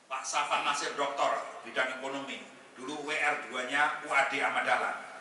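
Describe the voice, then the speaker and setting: At a normal speed and medium pitch, a man addresses a gathering in an echoey hall, recorded from a distance with faint noise. He is the guest speaker and leads a national Muhammadiyah institute, and his humorous religious talk blends quoted Arabic verses with lively jokes for the audience.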